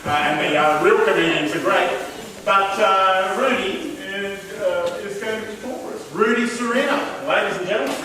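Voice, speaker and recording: A man acting as emcee at a live show, introducing the next act with hesitant pauses and frequent fillers. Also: sits high. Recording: echoey hall, distant mic, audience noise.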